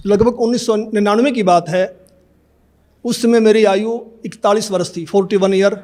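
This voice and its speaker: A man in his fifties gives an earnest personal testimony during an interview, telling his story and acting out remembered conversations. His high voice is a little mellow, holding a steady tone at a moderate pace.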